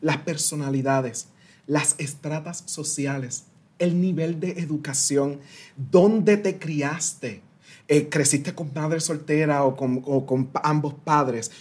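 Speaking slowly in a somewhat high, husky, slightly mellow voice, a man from Puerto Rico in his thirties explains ideas as a guest consultant in an interview. He's animated, leaning on everyday analogies and slipping in some English words.

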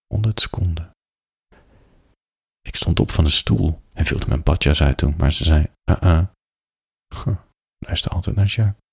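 A man reading an adult story as a bedtime story, in a very husky, breathy voice. His voice sits low with a gravelly fry, soft and intimate, often sinking into a whisper. It is recorded close and bone-dry. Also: moderate pace, dry recording.

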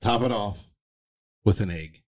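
A man's voice: lowish voice, unhurried, darkish tone. A man co-hosting a casual live show, chatting while eating gross spicy jelly beans. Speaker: show co-host.

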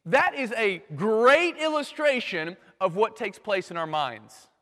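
A man preaching a sermon to a live audience, swinging from loud bursts to hushed near-whispers and making playful sound effects. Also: high voice, big pitch swings, measured pace. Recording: long hall reverb.

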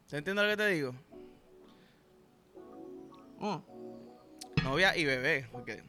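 A man's voice: on the high side, expressive, slow, loud music behind the voice. A Puerto Rican man hosting a podcast, telling a crude, profane, rambling story in slang-heavy casual talk. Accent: Puerto Rican Spanish. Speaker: podcast host.

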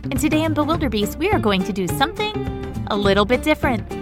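A woman hosting a podcast in a tiny studio, reading comic rhyming verse in a cheerful, animated way. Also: sits high, fast, over loud music. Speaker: podcast host.

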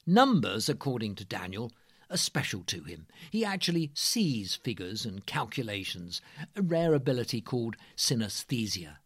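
Male narrator, scripted delivery, highly varied pitch, emphatic and measured, dry close sound. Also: big pitch swings, husky, no room sound.

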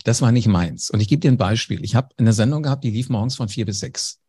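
A man's voice: medium pitch, fast, mellow, slightly rough. A man, a former radio host, telling anecdotes in a casual interview, speaking directly to the listener. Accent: German.

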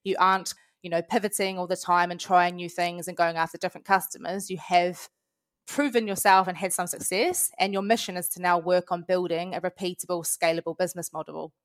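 Speaking a little fast in a lowish, fairly even voice, a New Zealand woman in her late twenties answers interview questions as a guest; she's head of customer success. Her manner is friendly and chatty, full of "you know" fillers, and there's no room sound.

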